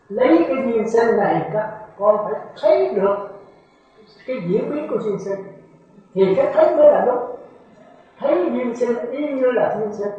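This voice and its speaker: A man, a Buddhist monk giving a dharma talk who keeps checking that his listeners follow. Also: sits high. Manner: lecturing, repeats rhetorical checks to listeners. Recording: heavily echoey, tinny phone-like sound.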